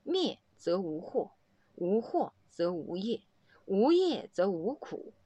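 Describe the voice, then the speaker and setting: A woman teaches Buddhist doctrine to her students in the manner of a wise sage. Her delivery is didactic and methodical, with animated rises and falls in a mid-range voice. The sound is dry, with little room around it. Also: mid-range voice, slow, no echo. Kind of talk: Buddhist dharma discourse, explaining doctrine.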